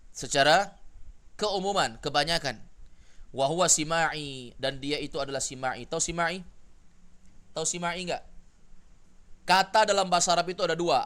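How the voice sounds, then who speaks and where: A man's voice: a little high, fairly bright tone. Indonesian man teaching, quizzing his class. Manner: asks the class questions and has them repeat answers. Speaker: Arabic grammar teacher. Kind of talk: classroom lesson.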